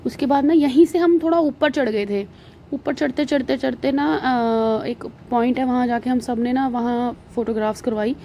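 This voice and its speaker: A vlogger with an Indian accent, an adult with young children, narrates her family travel footage in a relaxed, rambling way, often pausing on small fillers. Her slightly high voice is warm and mellow, with a faint hiss beneath the recording.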